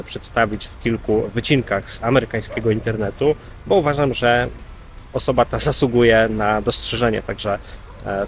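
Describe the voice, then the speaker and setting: Polish guy talking to viewers, medium pitch, bit hesitant, some faint outdoor noise. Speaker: video presenter. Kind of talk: informal spoken introduction to viewers.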